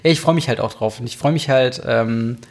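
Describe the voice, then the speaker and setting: A young man co-hosting a podcast chats casually in a mid-range voice, talking a little fast. He rambles and uses lots of fillers.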